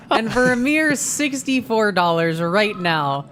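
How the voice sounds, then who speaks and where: A woman chatting casually as a marathon host, bantering and pitching donation incentives. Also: expressive, slow, noisy background.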